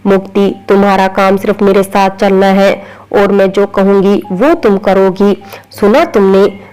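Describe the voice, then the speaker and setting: A woman reading aloud gives a proud young wife in a spoken story, clipped and commanding. Her tone stays mellow and unforced. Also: medium pitch, steady tone, measured pace, clean tone, lightly acted, rough recording. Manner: curt and commanding.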